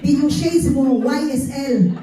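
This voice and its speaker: A woman's voice: sits high, takes it slowly, dark tone. A Filipino woman preaching a humorous Taglish sermon, playful and sing-song with laughing asides. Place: church hall. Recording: echoey hall, speaker far from mic.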